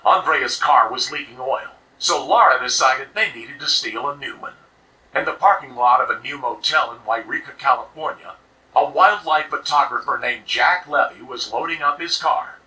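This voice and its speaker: A man giving scripted true crime narration in a steady, serious way, played back from a video. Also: mid-range voice, moderate pace, recorded from a distance, rough recording. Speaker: documentary narrator.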